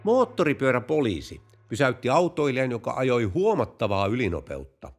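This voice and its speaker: A male podcast host who tells jokes in a playful, animated way, and his pitch rises and falls a great deal. His voice sits at an average pitch for a man. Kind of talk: telling jokes.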